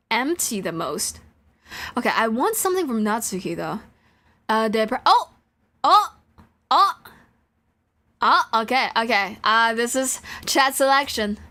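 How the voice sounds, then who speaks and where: Playing a visual novel on a live stream, a woman keeps up casual, meandering banter with her audience, frequently humming nonsense syllables. She speaks in a high, pushed, bright voice.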